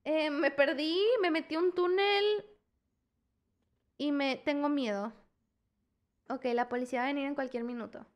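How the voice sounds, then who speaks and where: High-voiced woman streamer, easily startled. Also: normal speed, long pauses. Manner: jumpy, exclaims at scares, talks to chat. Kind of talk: gaming commentary.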